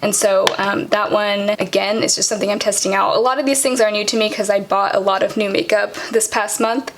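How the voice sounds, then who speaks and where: Young woman beauty vlogger, talks fast, lots of ums and likes. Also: mid-range voice, steady tone, slight background noise. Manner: fast, chatty, many fillers like "um" and "like". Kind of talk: casual product walkthrough.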